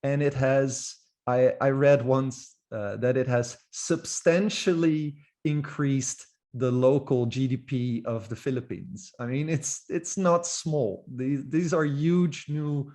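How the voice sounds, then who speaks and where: A man presents as a guest speaker at a middle pitch. He sounds eager and informal. He sometimes trips over a word and starts again. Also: slow pace, dark tone. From Netherlands. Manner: enthusiastic, informal, occasional restarts. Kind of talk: presentation talk.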